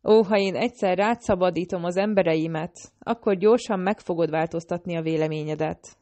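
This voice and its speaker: A scheming male assassin talks in a low, persuasive, urgent tone, as a woman reader voices him. He is read in a slightly low, even voice, close to plain audiobook narration. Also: natural voice. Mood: taunting.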